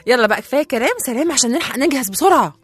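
A woman's voice: high-pitched, expressive, very fast, husky. A woman with an Egyptian accent, teasing and sassy in comedic sketch banter.

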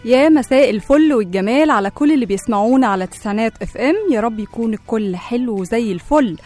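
A woman's voice: fairly high pitch, quick pace, darkish tone, faint music behind. A woman with an Egyptian accent co-hosting a radio show in conversational, bantering chat. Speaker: radio co-host.

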